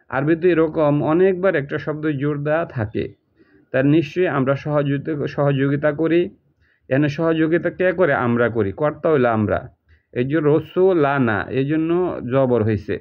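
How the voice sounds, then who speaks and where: A man teaching Quran translation, explaining each word step by step and repeating it. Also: a little high. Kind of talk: recorded lesson explaining Arabic word by word. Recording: tinny phone-like audio.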